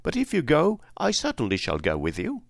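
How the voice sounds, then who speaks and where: A man as the high-voiced, tender Tin Woodman. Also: wildly swooping pitch, a little fast, creaky, dry recording, studio quality, heavily acted. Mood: mournful, loyal. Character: tender-hearted tin man of a fairy tale.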